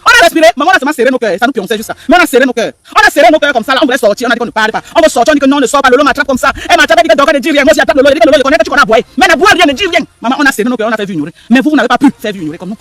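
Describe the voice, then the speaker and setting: A man's voice: extremely high pitch, expressive, very fast, few pauses, a bit bright, no echo. A man giving heated live-stream commentary, repeating himself and firing rhetorical questions at the audience. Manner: emphatic, repetitive, rhetorical questions to viewers.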